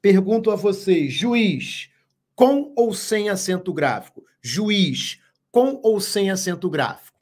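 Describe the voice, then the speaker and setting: A man teaching a live online grammar lesson, speaking slowly and emphatically, repeating key words and asking viewers questions. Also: high-pitched, animated, a little mellow. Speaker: Portuguese teacher.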